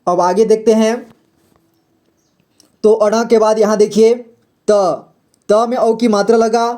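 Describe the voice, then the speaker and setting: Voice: mid-range voice, flat delivery, slow, dark tone. A patient teacher walking learners through reading syllables and words step by step, repeating each sound and asking and answering their own questions. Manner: frequent "theek hai" check-ins. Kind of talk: step-by-step phonics lesson.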